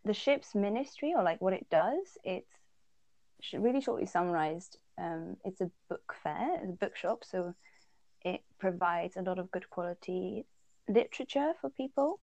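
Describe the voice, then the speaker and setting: A woman's voice: fairly low pitch, lively intonation, normal speed, darkish tone, dry recording. A woman from the Netherlands chats casually as a podcast co-host. She laughs often and thinks aloud, with plenty of ums along the way. Her voice sits close and dry, with no room sound around it. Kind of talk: casual chat.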